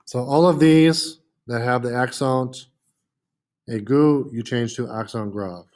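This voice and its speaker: A man's voice: mid-range voice, slow pace, darkish tone. A man teaching a French lesson, patiently repeating words with frequent "uh" fillers. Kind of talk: classroom lesson.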